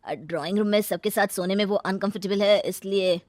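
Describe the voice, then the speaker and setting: A woman's voice: medium pitch, brisk, no room sound, natural voice. A woman voicing a young husband who defends his wife in a cartoon story. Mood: defensive.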